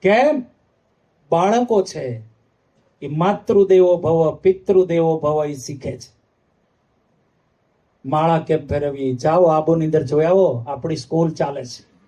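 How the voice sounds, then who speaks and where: A man's voice: fairly high pitch, slow pace, pauses often, mellow. A man, a monk giving a devotional sermon, who sings verses and asks the audience emphatic questions. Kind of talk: devotional discourse with sung verses.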